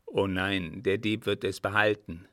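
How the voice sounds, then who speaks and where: A man's voice: low-pitched, fairly even intonation, measured pace, no room sound, clean studio sound. A man reading aloud and voicing a worried, cautious old coachman and servant. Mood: sorrowful. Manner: anxious, hushed, cautious.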